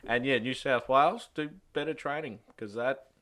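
A man's voice: mid-range voice, normal speed, crowd noise. An Australian man chatting casually and bluntly, swearing freely as he banters.

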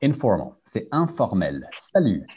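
A man's voice: lowish voice, wildly swooping pitch, measured pace, warm tone, breathy edge. A man teaching a live French group lesson over a video call, switching between French and English and drilling repetition.

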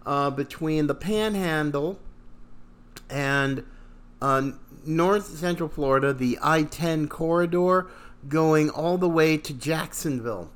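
A man hosting a podcast in a conversational monologue, showy like a ringmaster when announcing and halting between phrases. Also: on the high side, smooth. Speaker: podcast host.

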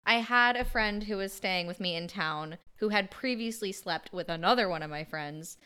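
A woman's voice: medium pitch, normal speed, pushed and bright, smooth. A woman co-hosting a podcast, chatting casually and throwing in blunt, dry wisecracks. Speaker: podcast co-host. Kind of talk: casual chat.

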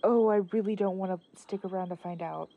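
A woman's voice: mid-range voice, brisk, gravelly. An actress playing a panicked young woman leaving a voicemail after a car crash, stammering and breathless, heard over a landline phone. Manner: stammering, breathless, dropping to a whisper. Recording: dull phone-line voicemail.

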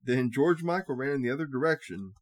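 A man's voice: medium pitch, lively intonation, fast talker, no echo. A young man co-hosting a casual chat, reading a story aloud in an easygoing way with laughs. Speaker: podcast co-host.

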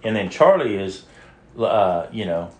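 Podcast host, lowish male voice, rambling and crude, roomy echo. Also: big pitch swings, a little slow, a little mellow. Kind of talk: casual chat.

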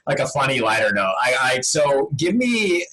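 An enthusiastic man hosts a casual interview, swearing freely and laughing often. His voice is bright and forceful. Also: mid-range voice, big pitch swings, normal speed, low-quality recording. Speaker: podcast host and lawyer.

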